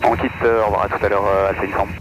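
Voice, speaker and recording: A man's voice: on the low side, flat delivery, very fast, lo-fi sound. A man flying a small plane, making procedural radio calls and talking through his steps over a pilot headset. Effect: heard over a pilot headset intercom. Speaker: private pilot flying solo. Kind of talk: aviation radio calls and cockpit self-talk. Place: small plane cockpit in flight. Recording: loud aircraft engine noise, cockpit radio.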